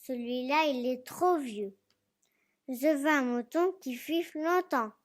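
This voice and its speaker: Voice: high voice, slow. A performer playing a small, solemn, insistent little boy prince in a theatrical, dramatic storybook reading, speaking earnestly.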